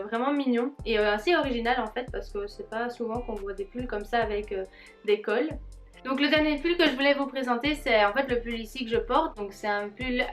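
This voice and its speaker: A young woman in a casual try-on haul vlog, talking viewers through her clothes in a friendly way, often pausing on filler words. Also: on the high side, a bit bright. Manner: hesitant, with frequent filler pauses; friendly, addressing viewers directly. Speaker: fashion vlogger.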